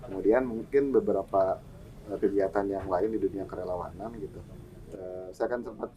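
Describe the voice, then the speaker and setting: A man's voice: low-pitched, normal speed, mellow, slight background noise, low-quality recording. A man, a humanitarian volunteer, recounting experiences casually and plainly in a podcast interview. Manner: casual, plainspoken, fillers like "gitu".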